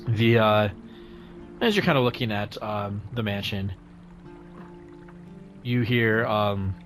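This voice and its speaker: Guy game mastering, lowish voice, halting and improvised, music playing behind him. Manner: hesitant, improvising with many pauses. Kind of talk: casual tabletop game narration.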